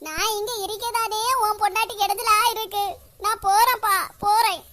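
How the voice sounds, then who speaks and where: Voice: very high voice, level tone, moderate pace, bright, forceful tone. A performer voicing a weepy, self-pitying elderly mother-in-law in a cartoon, speaking with a Kanyakumari Tamil accent in a wailing, martyred way. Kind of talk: cartoon voice acting.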